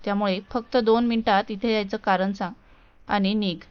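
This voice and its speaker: Storybook part: a haughty young tycoon, voiced by a woman narrator, cold and scornful, smooth, dull recording. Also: mid-range voice, fairly even intonation, moderate pace, close to an everyday voice. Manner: cold, dismissive, mocking. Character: arrogant rich young male businessman.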